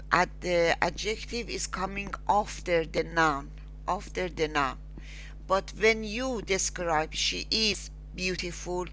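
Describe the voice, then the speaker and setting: In this slow, screen-recorded lesson, a female Spanish teacher with a Persian accent drills phrases for learners to repeat, pronouncing each word separately with long pauses. Her voice is lowish yet bright and forward, her pace very slow and deliberate, and a faint hum from her desktop mic sits underneath.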